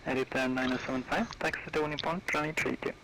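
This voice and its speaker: A man's voice: mid-range voice, fairly even intonation, quick pace, bright, forceful tone. A man working as an air traffic controller, speaking clipped radio phraseology heard over a radio channel. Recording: noisy radio transmission.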